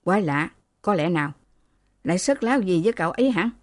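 A woman's voice: on the low side, lively intonation, fast, dry recording, studio quality, natural voice. A woman voicing a stern, short-tempered old father who speaks in a curt, reproving way.

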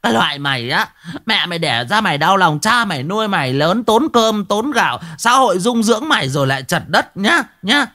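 A man voicing a foul-mouthed old village woman who hurls rapid-fire curses and drawn-out wailing laments. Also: high-pitched, big pitch swings, sharp tone, voice pushed up, heavily acted. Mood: cursing.

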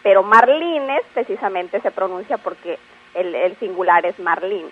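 A woman patiently explaining word usage on a radio language segment, spelling out examples slowly. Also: fairly low pitch, slightly rough. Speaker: language expert guest. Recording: phone-like radio line.

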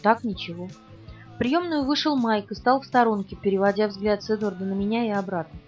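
A woman narrating an audiobook in the first person, in a restrained, quiet way. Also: mid-range voice, quick pace. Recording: distant, muffled, soft music.

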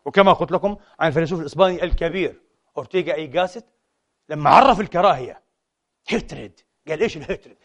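A man preaching a sermon, switching between formal in a lively, animated manner. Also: fairly high pitch, racing. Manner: animated, mixes formal Arabic with colloquial dialect, acts out quoted voices.

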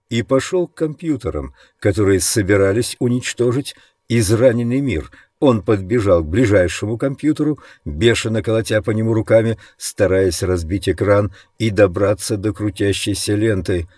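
A man reading a dark novel aloud as a measured, grave audiobook narrator. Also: fairly low pitch, animated, no echo, studio quality. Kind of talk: scripted dramatic narration.

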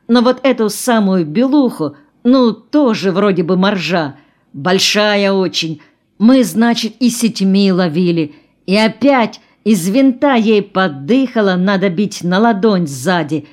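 A woman voicing an eager, talkative old fisherman in an audiobook, rambling with lively energy. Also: mid-range voice, takes it slowly.

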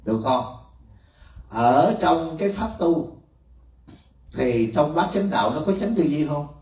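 A man's voice: on the high side, lively intonation, a little slow, a little mellow. A man, a monk, teaching disciples in a folksy, teasing way and acting out little dialogues. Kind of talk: dharma talk to disciples. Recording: echoey room from far off.

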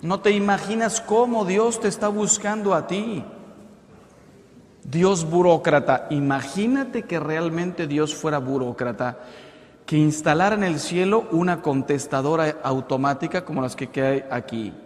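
A Mexican man in his fifties, a priest giving a lively, conversational sermon with acted-out jokes. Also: on the high side, unhurried. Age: 50s. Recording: echoey hall reverb.

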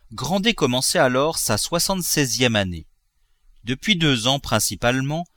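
A man narrating a classic novel as an audiobook with expressive, varied intonation. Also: mid-range voice, no room sound.

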